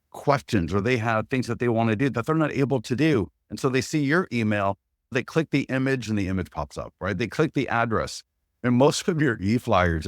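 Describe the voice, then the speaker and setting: A man with a fairly low voice teaching an online webinar, upbeat and practical as he lays out each step like a checklist. The sound is dry and close, with no room around it. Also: no room sound. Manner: upbeat, repeats steps as a checklist. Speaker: webinar presenter. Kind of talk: instructional webinar.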